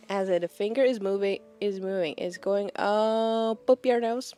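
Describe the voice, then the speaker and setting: Slow-talking woman streamer. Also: mid-range voice, mellow, clear, resonant tone, faint music behind. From Czech Republic. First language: Czech. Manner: rambling, laughs often. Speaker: VTuber streamer. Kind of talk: casual chat with live chat.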